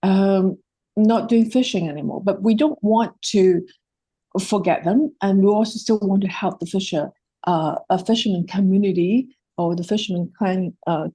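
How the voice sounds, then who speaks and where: This Hong Kong-accented woman, a Cantonese native speaker, stumbles through a project presentation with lots of fillers and false starts. Her fairly low voice sounds warm and husky. There's no room sound, though the recording is rough.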